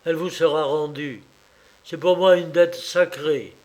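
A proud, gaunt young man who speaks gravely and coldly, voiced by a male audiobook narrator. The voice stays fairly high. The delivery is slow. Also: fairly even intonation, a little mellow, lightly acted. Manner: grave, icy. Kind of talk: audiobook reading.

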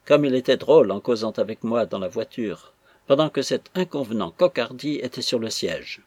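Man putting on a high, gushing young maid, breathless rush of words, husky, dry. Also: expressive, normal speed, a little mellow, dry recording. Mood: chattering. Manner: breathless torrent of words, sobbing with joy. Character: gushing young female maid, emotional and talkative.

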